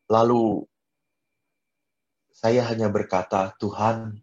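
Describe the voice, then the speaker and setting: Expressive male priest preaching. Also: a little slow, lo-fi sound. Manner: expressive, wide swings in pitch and loudness; drops in English phrases. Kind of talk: sermon to a prayer group.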